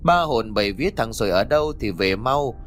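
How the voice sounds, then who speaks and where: A man voicing a gruff, bossy old male village exorcist who barks orders and scolds. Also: medium pitch, animated, a little fast, a little hiss or hum, natural voice. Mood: chanting calling.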